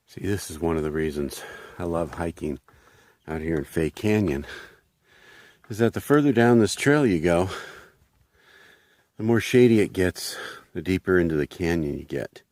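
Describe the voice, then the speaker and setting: A man's voice: low-pitched, animated, normal speed, darkish tone. A man vlogging casually on an outdoor canyon trail, chatting and explaining plants as he walks. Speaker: hiking vlogger.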